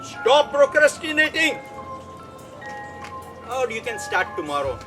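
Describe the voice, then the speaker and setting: A man's voice: very high-pitched, sing-song, slow, music in the background, heavily acted. A man playing a dim-witted fortune-telling gatekeeper of the veil, grandiose and comically earnest, in a live show. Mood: grand, mystical. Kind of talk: improvised comic live performance.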